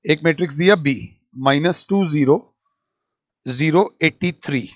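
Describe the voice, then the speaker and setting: A man delivers a maths lecture at an unhurried, deliberate pace, moving between Hindi and English. His voice sits slightly high, and he repeats each key point for emphasis. The recording is dry and dull, with no room echo. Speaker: maths teacher. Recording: dull lo-fi audio.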